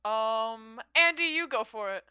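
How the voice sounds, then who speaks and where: A woman's voice: fairly high pitch, lively intonation, measured pace, pushed and bright, smooth. A woman playing in a tabletop game, chatting casually and making dry, teasing remarks. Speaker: player. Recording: noisy mic with clicks.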